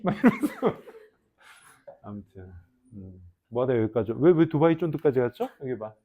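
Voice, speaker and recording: A man teaching an English grammar class, joking and teasing his students in a slangy way, often switching between loud calls and mumbled asides. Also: mid-range voice, phone-quality sound. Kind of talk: lively classroom lecture.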